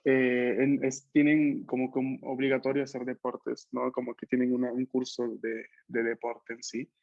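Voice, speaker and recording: A male language teacher talks a class through grammar, explaining patiently and ending many phrases with a questioning "no?". His voice sits at a middle pitch. The call audio is dry and a little dull and lo-fi. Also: flat delivery, normal speed, creaky, a little mellow, no room sound. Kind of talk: online Italian class taught in Spanish. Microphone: computer mic on a video call.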